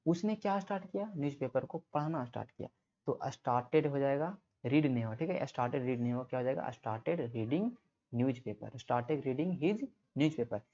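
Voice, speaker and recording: A man's voice: medium pitch, dark tone. Man teaching grammar, muffled lo-fi audio. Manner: explains step by step, repeats questions and answers them himself. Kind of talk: exam-prep grammar lesson.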